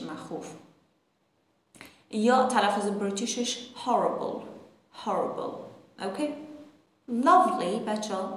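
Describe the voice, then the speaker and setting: A woman teaching an online English lesson in a lively voice, often addressing her viewers directly and slowing down to model example phrases. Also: mid-range voice. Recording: very echoey room with faint background noise.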